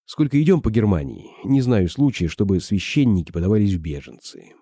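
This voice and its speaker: An earnest young woman of nineteen, voiced by a male reader who speaks softly and plainly. The voice stays deep and very mellow, yet moves in lively swings of pitch. The sound is close and dry. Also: fairly quick, no room sound.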